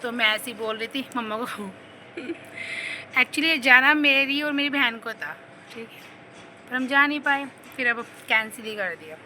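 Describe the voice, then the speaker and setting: A woman's voice: a little high, unhurried, a little hiss or hum. A young woman chatting casually in her vlog, rambling through funny personal stories with a slight cough. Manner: rambling, animated, laughs while telling stories. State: slight cough and sore throat. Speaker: vlogger.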